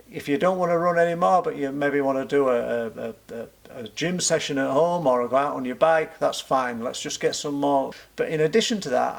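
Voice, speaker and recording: A man with a medium-pitched voice and noticeable vocal fry speaks as a coach in an informal vlog. He explains things step by step in an instructional way, often asking a question and then answering it himself. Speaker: running coach and club vlog host.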